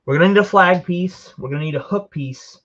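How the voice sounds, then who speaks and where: A man's voice: high-pitched, a little fast, fairly bright tone, muffled recording. Rambling young-sounding man building Lego. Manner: rambling, self-mocking, talks to himself while building. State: tired. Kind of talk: casual build commentary.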